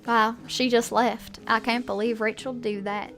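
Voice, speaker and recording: High-voiced woman streaming a video game. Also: little pitch movement, a little slow, a bit bright, faint music behind. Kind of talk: video game playthrough, reading text aloud with casual reactions.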